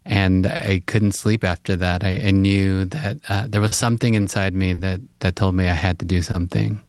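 A man from South Korea answers a radio host's questions, pausing often with "uh"s as he recalls things. His voice is low, smooth and flat in melody. The sound is dry and close. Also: no room sound. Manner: thoughtful, with many hesitations. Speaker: author and guest.

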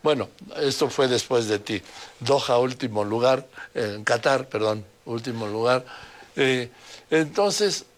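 An older man with a mid-range voice hosts a casual interview at a measured pace, chatting and prompting his guest with questions.

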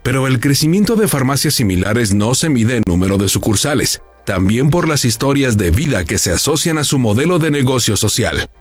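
A man reading a scripted news feature as narrator, measured and polished. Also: medium pitch, sing-song, breathy edge. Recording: voice-over with faint music.

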